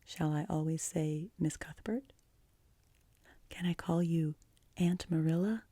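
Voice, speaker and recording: A woman voicing an imploring, imaginative orphan girl in an audiobook, earnest, wistful and breathy. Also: low voice, takes it slowly, dark tone, no room sound. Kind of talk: audiobook character voice.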